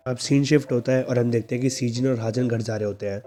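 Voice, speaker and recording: A man's voice: mid-range voice, steady tone, fast, warm tone, soft background music. A man narrating a manga recap as a story, reading out the characters' lines in lightly acted voices.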